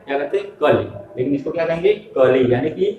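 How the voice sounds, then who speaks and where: Speaking in rapid-fire bursts with a fairly high pitch, this male teacher sounds phone-quality and distant, his voice echoing around the room. He walks young pupils through a Hindi lesson one step at a time, spelling letters out and answering his own questions.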